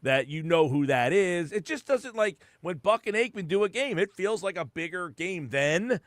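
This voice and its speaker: A man's voice: sits high, expressive, moderate pace, no echo, studio quality. A man co-hosting a sports podcast, giving opinions casually with many fillers. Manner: opinionated, many fillers like "I mean" and "you know". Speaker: podcast co-host.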